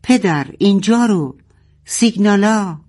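Anxious stammering child as a woman plays it, urgent, raised pitch, storybook reading. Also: expressive, darkish tone, breathy edge, full character voice.

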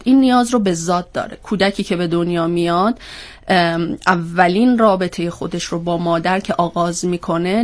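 A woman with a cold and a congested, stuffy-nosed voice, explaining step by step as a guest expert on a panel. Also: on the low side. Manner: throat-clearing, explains step by step with rhetorical questions. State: has a cold. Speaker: psychologist guest on a panel discussion.

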